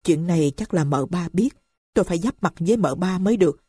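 A woman's voice: on the low side, animated, a little fast, dark tone, slightly rough, no echo, clean studio sound. A woman voicing an anxious male friend who keeps questioning and exclaiming in alarm.

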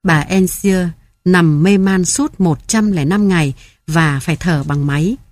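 A woman reading an audiobook in a calm, measured narration. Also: lowish voice, dry recording.

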